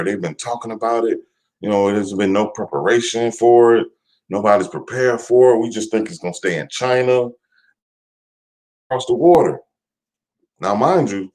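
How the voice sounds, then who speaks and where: A young man hosts a livestream, chatting casually, greeting viewers by name and rambling loosely. His voice sits on the low side with a darkish tone. He repeats himself a lot, keeps saying "man," and curses now and then.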